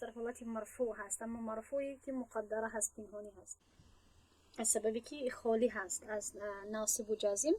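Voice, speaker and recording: A woman with a fairly high voice teaching a grammar class in Persian, her first language. She breaks each point down patiently, stopping to quiz her students and praise their answers. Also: a little mellow, low-quality recording. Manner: explains step by step, asks students questions and praises answers. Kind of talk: online grammar lesson.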